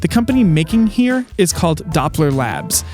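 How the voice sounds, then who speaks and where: A man with a fairly high, dry, close-miked voice hosts a tech video. He delivers scripted narration in a wry, conversational way, with some music behind him. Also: sing-song, moderate pace, a little mellow. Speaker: host and reviewer. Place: small soundproofed closet.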